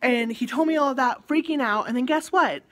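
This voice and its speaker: A woman's voice: high voice, brisk, fairly bright tone. A young adult woman, a college theatre student, chatting casually in a vlog, rambling and correcting herself with lots of fillers.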